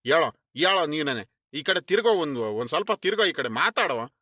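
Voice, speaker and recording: A man's voice: a little high, very animated, brisk, pushed and bright, dry recording, studio quality, exaggerated voice. A man voicing a well-meaning village landlord who coaxes his elder brother with pleading questions. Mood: coaxing. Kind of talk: animated cartoon voice acting.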